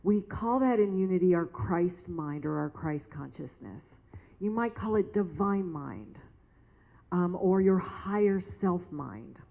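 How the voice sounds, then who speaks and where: A woman's voice: fairly low pitch, animated, a little slow, vocal fry. A woman minister preaching a sermon in a conversational, storytelling manner in a church. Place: church sanctuary. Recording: tinny phone-like sound.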